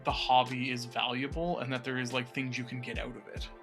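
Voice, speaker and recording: A man hosting a podcast in casual chat, relaxed with frequent filler words. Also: mid-range voice, brisk, soft background music. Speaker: podcast host.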